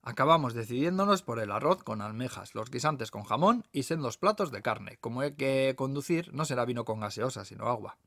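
A man with a Peninsular Spanish accent reads his own memoir in a storytelling way, mid-pitched, adding wry asides. The recording is dry and close. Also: expressive, fairly quick, hardly any pauses, fairly bright tone, no echo. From Basque Country, Spain. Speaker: author reading his own book. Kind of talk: audiobook narration of a memoir.

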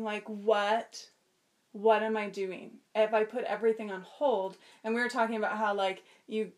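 A woman talking casually and informally as a podcast guest, telling things in an animated way. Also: medium pitch. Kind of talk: casual chat.

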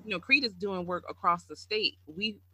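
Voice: medium pitch, moderate pace, a loud crowd. A host interviewing guests in a casual way, with frequent "um" and "you know", asking open questions that draw the guests out.

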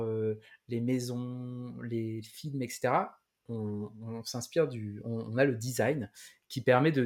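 A man chatting casually on a podcast, mid-pitched, halting now and then to search for a word and starting his sentences over. His delivery stays loose and conversational, with many small fillers. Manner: hesitant, many restarts and fillers. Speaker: podcast co-host.

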